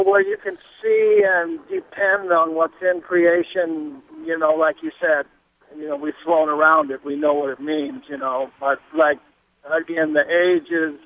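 A man calling in to a radio show over a phone line, asking halting questions full of fillers. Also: a little high. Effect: heard over a phone line.

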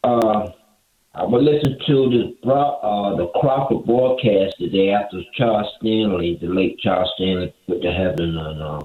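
Male caller, on speakerphone, tinny phone sound, echoey bathroom, halting casual speech, low voice. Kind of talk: casual call-in question.

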